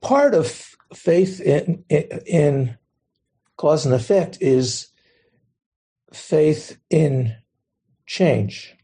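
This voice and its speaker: A man, a Zen teacher, giving a gentle, thoughtful dharma talk and taking questions. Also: fairly high pitch, expressive, drawn-out words, pauses often, husky.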